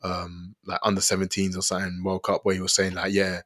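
A man's voice: deep voice, monotone, brisk, fairly bright tone. A young man with a London accent, hosting a casual football discussion in slangy, repetitive phrasing. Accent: London, urban slang. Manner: slangy, repeats himself. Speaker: football podcast host.

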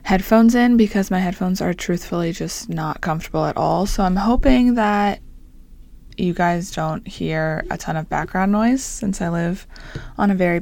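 A woman in her twenties hosts her own podcast from home in a casual, wandering monologue. Her voice is gravelly, hoarse and sore, sitting fairly low. She keeps a flat, low-key delivery with little enthusiasm, dotted with fillers. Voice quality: raspy, deep and sore today. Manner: rambling and chatty, with frequent fillers and small laughs. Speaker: podcast host and small business owner. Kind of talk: casual solo podcast chat. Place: home on a busy downtown street.

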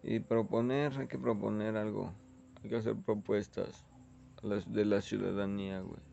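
A man's voice: lowish voice, level tone, normal speed, vocal fry, warm tone, dull audio, slight background noise. A young man with a Mexican accent, rambling laid-back and full of slang in a casual chat from his bedroom. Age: young adult. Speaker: vlogger.

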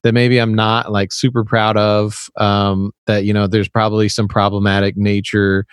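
This podcast guest is a Tennessee man whose voice is on the low side, clear and resonant, delivered at a moderate pace with a light Southern accent. He rambles in a relaxed, filler-heavy way over a remote call, and the sound is clean studio audio with no room sound.

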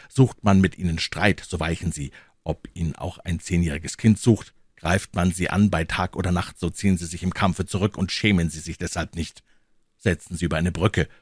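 A man's voice: low-pitched, slightly rough, no echo, clean studio sound. A man voicing an older, worldly captain in an audiobook, speaking in a grave, warning, lecturing way. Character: old, gruff, worldly male captain. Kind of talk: audiobook character voice.

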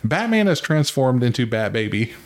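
A man's voice: medium pitch, very animated, normal speed, slight background noise. A man co-hosting a podcast in a casual chat, reading from an article and laughing often. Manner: reads from an article, laughs often, uses fillers. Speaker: podcast co-host.

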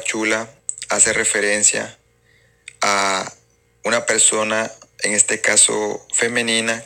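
A man from Mexico with a Mexican Spanish accent, calmly explaining in a recorded voice message. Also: fairly low pitch. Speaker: language app user sending a recording.

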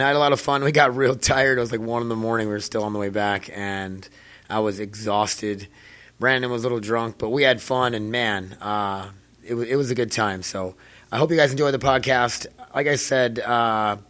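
Hoarse man rambling on a podcast. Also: medium pitch, fairly bright tone, no echo. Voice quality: hoarse, worn-out voice from losing it. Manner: rambling, informal. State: hoarse, voice nearly gone. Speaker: podcast host. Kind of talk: casual solo podcast talk.

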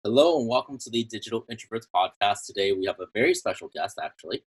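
Husky low-voiced podcast host. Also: male voice, lively intonation. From Canada. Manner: reads intro slowly, then chats with fillers and trailing-off endings. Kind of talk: casual podcast interview.

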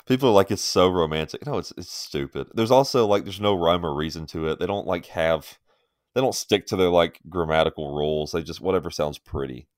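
A man's voice: extremely low pitch, no echo, clean studio sound. A man co-hosting a sports podcast in a casual, opinionated way, often laughing. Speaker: podcast co-host.

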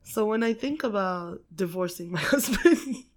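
A woman's voice: medium pitch, animated, unhurried. A woman from the Philippines chatting casually as a podcast guest, laughing often, swearing freely and filling gaps with um and like. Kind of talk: casual chat.

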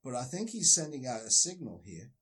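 A man's voice: mid-range voice, very animated, fairly quick, fairly bright tone, breathy edge. A man on a call, discussing a book in a casual chat and breaking into emphatic, swearing rants. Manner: ranting, emphatic, swears freely. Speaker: discussion partner.

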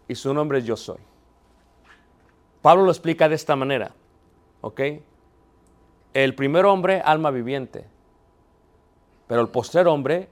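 A man teaching a theology class, asking the students questions and checking that they are following. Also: mid-range voice. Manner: poses rhetorical questions and answers them himself. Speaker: Bible teacher.

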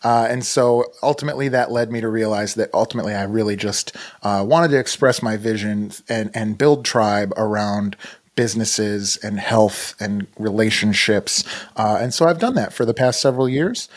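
A man from the United States speaking as an interview guest, reflective and conversational, with halting, thoughtful phrasing. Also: on the low side, steady tone. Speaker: podcast guest, entrepreneur.

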